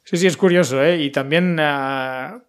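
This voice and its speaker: A man's voice: on the high side, measured pace, smooth. A man from Spain co-hosting a podcast, chatting casually, asking questions and laughing often. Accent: Spain Spanish. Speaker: podcast co-host. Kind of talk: casual chat.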